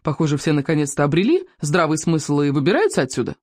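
A reader doing a squeaky, fretful Viking boy. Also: big pitch swings, fast, no echo, studio quality. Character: nervous, skeptical scrawny Viking boy.

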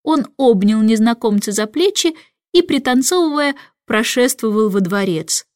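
A woman narrating a children's storybook in a lively, expressive way. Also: a little high, normal speed, dry recording, studio quality. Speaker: reader.

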